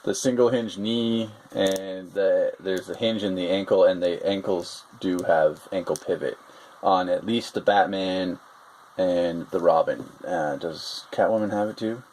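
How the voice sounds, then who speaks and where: Speaking a little slowly, a very low-voiced man casually rambles through a toy review, hesitating and pausing often on fillers. A faint steady hiss runs under him in the room, and the recording is rough.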